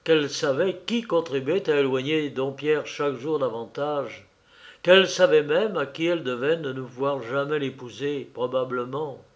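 A man narrating a novel in a measured, literary reading style. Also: mid-range voice.

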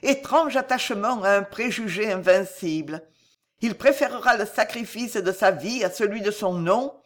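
A woman's voice: medium pitch, normal speed, lightly acted. A woman reading as an earnest, virtuous young woman. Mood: brooding. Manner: earnest and restrained, then brooding. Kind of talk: audiobook reading.

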